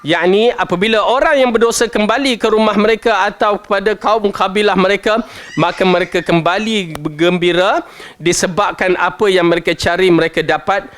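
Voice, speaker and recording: A man with a Malaysian Malay accent teaching a Quran commentary lesson, chatty and animated, often asking his listeners questions. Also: fairly quick. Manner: animated, jumps between loud stresses and low asides. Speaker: religious teacher.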